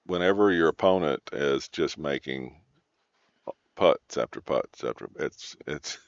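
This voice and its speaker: Male golf commentator, extremely low voice, measured and low-key, on a dull, muffled recording. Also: animated, vocal fry, no echo.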